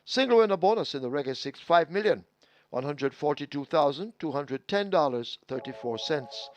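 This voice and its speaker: High-voiced man over the intercom. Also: lively intonation, dry recording. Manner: measured, reads out figures steadily. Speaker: racetrack announcer. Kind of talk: public address results announcement. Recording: dull lo-fi dry PA feed.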